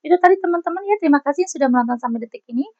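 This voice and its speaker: A woman's voice: very high voice, expressive, rapid-fire, a little mellow, dry recording. A woman giving a casual tarot reading to her viewers, chatty and teasing, often laughing. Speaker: tarot reader. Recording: dry, slightly dull lo-fi recording.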